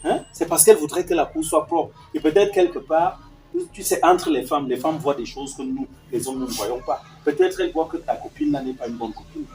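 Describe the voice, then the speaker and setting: A man's voice: very animated, a little fast, mellow, soft background music, rough recording. A man playing a patient father who soothes his crying daughter and pleads with his harsh wife. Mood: explaining. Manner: soothing and pleading, switching into sudden high-pitched exclamations. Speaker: actor in a family skit. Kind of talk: scripted skit acting.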